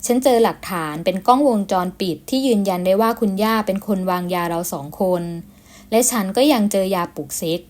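A woman voicing a remorseful young man who speaks slowly and firmly. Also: mid-range voice, a little mellow, natural voice. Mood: pleading firm. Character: stern remorseful young man, firm-voiced.

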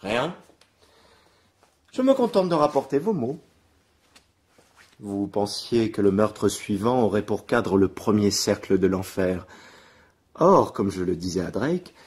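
An actor playing a witty, needling Elizabethan poet in a radio drama, speaking with erudite sarcasm. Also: male voice, lowish voice, lively intonation, unhurried, pauses often, a little mellow, breathy edge. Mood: mocking. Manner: sardonic, erudite. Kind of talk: French radio drama acting.

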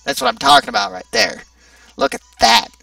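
A man's voice: extremely high pitch, fairly quick, gravelly, bright, forceful tone, no echo, recorded from a distance, faint music behind. A young man giving sarcastic, joking commentary while playing a video game. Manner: joking, sarcastic, chatty asides. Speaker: let's play gamer. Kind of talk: casual gameplay commentary.

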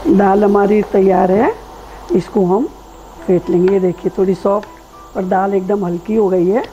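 A middle-aged woman hosting a cooking show, calmly explaining each step of a recipe in detail. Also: medium pitch, unhurried, lo-fi sound, soft background music.

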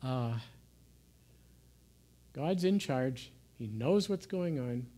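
A man giving an informal sermon in a gentle, conversational way, sometimes dropping to soft, hushed asides. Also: mid-range voice, expressive, extremely slow. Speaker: pastor. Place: church.

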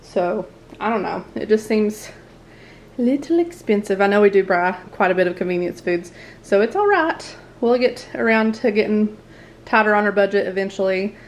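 A family vlogger chats casually through her grocery haul indoors in her home dining room. Her voice is mid-range at a normal speed, and she rambles and laughs often.

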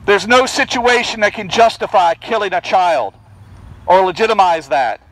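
Preaching in the open air outside a building, by a fence and bushes, a man insistently calls to those passing by. This street preacher has an expressive, high-pitched, fairly bright voice at a moderate pace, projecting with insistent pleading in a low-quality recording.

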